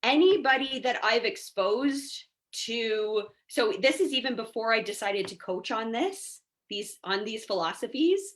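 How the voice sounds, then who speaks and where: A woman guest on a podcast, a mindset coach, telling stories in a chatty, animated way and often asking "right?". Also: on the high side, a little slow, hardly any pauses, a little hiss or hum. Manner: chatty, animated storyteller, peppers speech with "like" and "right?". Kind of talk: casual podcast conversation.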